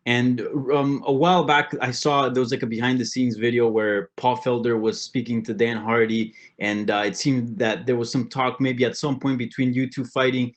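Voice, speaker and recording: A man working as a sports reporter, putting questions at a press conference in a halting way. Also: mid-range voice, little pitch movement, dull audio.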